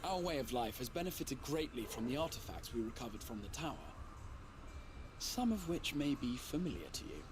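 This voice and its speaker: A man playing a learned, gentle guide in a fantasy video game, speaking formally and courteously. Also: mid-range voice, big pitch swings, background noise, close to an everyday voice. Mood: explanatory. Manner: formal, measured, storyteller-like.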